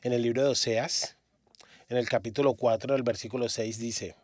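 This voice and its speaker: A man from Australia preaching a sermon in a church, halting often and restarting his words. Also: mid-range voice, steady tone, darkish tone, dry recording, clean studio sound.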